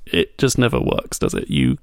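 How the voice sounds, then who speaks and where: A man's voice: extremely low pitch, wildly swooping pitch, moderate pace, creaky, dry recording, clean studio sound. A man chatting casually on a podcast, wry and joking, who keeps asking questions. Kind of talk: casual chat.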